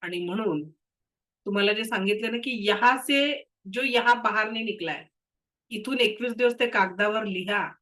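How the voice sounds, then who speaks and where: A woman's voice: medium pitch, bright, forceful tone, poor audio. A woman teaching a reiki class. She has a cold and cough, and she explains patiently with case stories. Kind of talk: spoken lesson to students.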